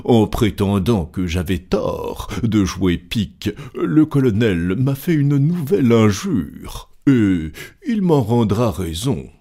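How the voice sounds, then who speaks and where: Cold, measured English gentleman, read by a man, slow and deliberate. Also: fairly low pitch, very animated, full character voice. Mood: firm. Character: cool, composed English gentleman.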